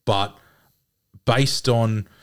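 A man's voice: medium pitch, fairly even intonation, extremely slow, a bit bright, clear, resonant tone. An Australian man hosting a sports podcast, giving his opinions in casual chat.

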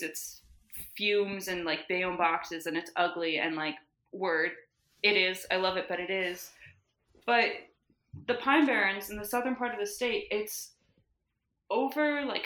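A woman's voice: mid-range voice, sharp tone. A woman from New Jersey, a podcast guest, explaining eagerly in casual chat and leaning on "like" fillers. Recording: roomy echo.

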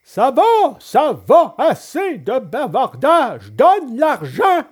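A brutal hooded robber in a storybook drama, threatening his victim in a slow, drawn-out way, as a male narrator puts him on. His voice is pitched strangely high and swings widely, with a slow, heavy pace. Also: huge pitch swings, slightly rough, exaggerated voice.

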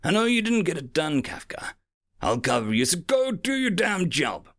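A man's voice: fairly high pitch, moderate pace, pitched above the performer's own voice. A man voicing a cool, commanding female captain. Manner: cool, almost robotic calm. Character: calm, commanding small female starship captain.

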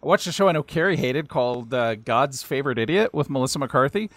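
A man's voice: medium pitch, animated, fast talker, fairly bright tone, no room sound. A man chatting casually as a panelist on a talk show. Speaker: podcast panelist. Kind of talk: casual chat.

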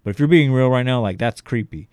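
A man's voice: medium pitch, lively intonation, quick pace, a little mellow, clear, resonant tone, no room sound. A young adult man, a podcast co-host, telling a rambling, profane story in casual chat, full of fillers like "you know" and "like".

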